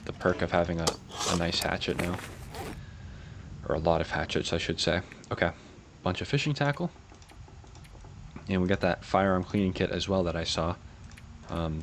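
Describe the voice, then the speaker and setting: A man giving calm, unhurried game commentary, musing to himself in a low voice fresh from sleep. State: morning voice, recently woken. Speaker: gaming channel host. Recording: clear steady background ambience noise.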